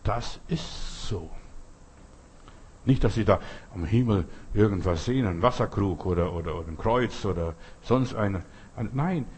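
A man preaching a sermon, emphatic and repetitive, building to loud outbursts. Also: fairly low pitch, normal speed, slight background noise.

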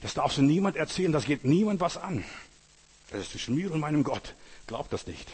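A man's voice: fairly high pitch, big pitch swings, fairly quick, a little mellow, husky, big-room sound. A man preaching a sermon, emphatic and repetitive, often addressing the listener directly.

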